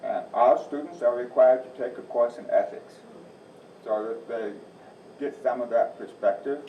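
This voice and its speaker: A folksy man in his 60s from Northeast Iowa, an agriculture teacher and farm advisor, gives a presentation to a church audience in a softened Midwestern American accent. His medium-pitched voice moves at a moderate pace with a bit of hiss or hum. The recording sounds distant, echoey and muffled.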